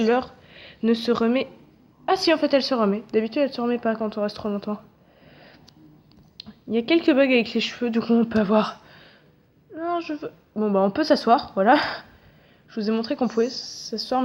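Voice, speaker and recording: A woman's voice: fairly high pitch, a little mellow. A young woman giving casual, chatty commentary as she plays a game, self-mocking and swearing casually at it. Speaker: gaming video creator. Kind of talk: casual let's-play commentary. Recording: dull, slightly lo-fi audio.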